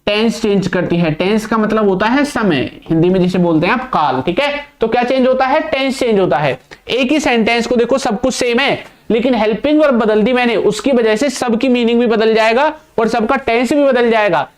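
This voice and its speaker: At a moderate pace and in a very high-pitched voice, the young teacher runs his grammar lesson, repeatedly posing questions to the viewer and supplying the answers himself while speaking English words in a classroom style.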